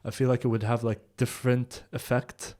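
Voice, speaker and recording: Host: man, mid-pitched, curious questioner, keeps chat flowing with quick affirmations. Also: little pitch movement, darkish tone. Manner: curious, supportive listener, frequent backchannels. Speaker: podcast host. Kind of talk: casual podcast interview.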